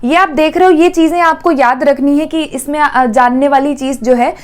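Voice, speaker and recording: A woman teaching an exam-prep grammar lesson, repeating words slowly and checking in often. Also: high voice.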